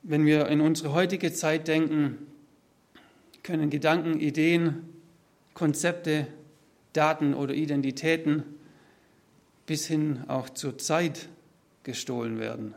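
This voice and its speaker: Speaking slowly with long pauses, a Swabian man gives a sermon from notes to his congregation. His voice is on the high side, creaky, with fairly even intonation. He explains in a structured, step-by-step manner and addresses the listeners directly.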